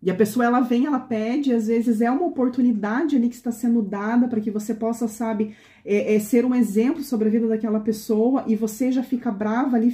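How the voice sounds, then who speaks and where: A woman's voice: on the high side, mellow, echoey room. A woman pastor preaching a conversational sermon to a women's meeting, often asking the women questions.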